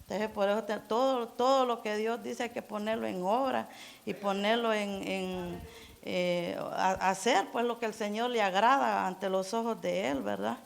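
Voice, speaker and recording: A middle-aged woman preaching informally to a congregation, her delivery earnest and halting. She stumbles, restarts phrases and circles back to urge her listeners, her voice sitting at an ordinary middle pitch for a woman. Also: gravelly. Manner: halting, earnest, many restarts and repeated words; keeps urging listeners to imagine. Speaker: church member preaching. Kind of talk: informal Spanish-language church sermon.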